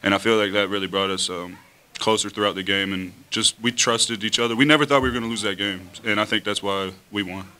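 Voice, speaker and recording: A young man, a college quarterback, answering at a post-game press conference in a relaxed, easy way at a table mic. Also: lowish voice, fast talker, few pauses. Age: young adult. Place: press room in front of a team backdrop. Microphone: table mic on a stand.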